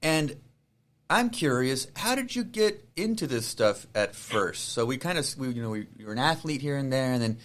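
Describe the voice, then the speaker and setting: A man hosts a casual podcast interview. His pitch moves a great deal as he talks, and his questions wander with easy fillers before landing. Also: normal speed. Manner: relaxed, rambling questions with fillers. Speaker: podcast host.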